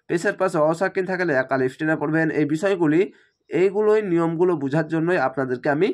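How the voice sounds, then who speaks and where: A man teaching Quran recitation letter by letter, patiently spelling out sounds and repeating rules, with a slightly strained voice from feeling unwell. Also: on the high side.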